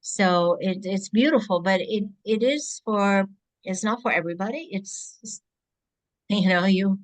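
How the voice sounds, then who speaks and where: A woman born in Greece, speaking as a guest over a video call, reflective and halting, often restarting her sentences. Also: medium pitch. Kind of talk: casual interview chat.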